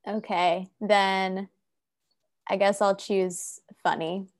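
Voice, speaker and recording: A woman's voice: mid-range voice, level tone, takes it slowly. Giggly easygoing woman guest. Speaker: podcast guest. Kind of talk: casual interview chat.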